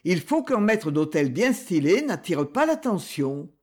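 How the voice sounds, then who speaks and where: A narrator reading a classic novel aloud as an audiobook. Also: mid-range voice. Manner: slow, expressive literary reading.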